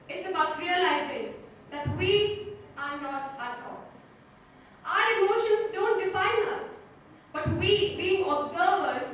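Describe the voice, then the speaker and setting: A teenage girl delivering a rehearsed competition speech with precise, deliberate phrasing and rhetorical pauses in an echoing hall. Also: very high voice, fairly bright tone. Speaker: school declamation contestant. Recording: very echoey hall, distant mic, faint noise.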